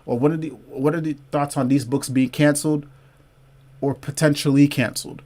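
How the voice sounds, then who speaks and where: On his relaxed comic book livestream, a male host talks freely with chat, reads out comments, and repeats phrases for emphasis, tossing in "y'all" and "man" and urging viewers to comment below. His voice is on the high side, steady, and darkish, at a moderate pace.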